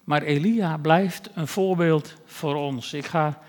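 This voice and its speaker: A man's voice: fairly high pitch, slow pace, a little mellow, big-room sound. A male preacher giving a sermon in a conversational way, with wry asides.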